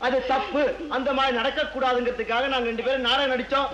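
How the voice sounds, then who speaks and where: A lecturing, teasing elder brother. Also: male voice, extremely high pitch, flat delivery, fast, sharp tone, muffled recording, a little hiss or hum. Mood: coaxing. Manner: lecturing, then playful coaxing. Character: teasing elder brother, stern then doting. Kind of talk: 1970s film drama acting.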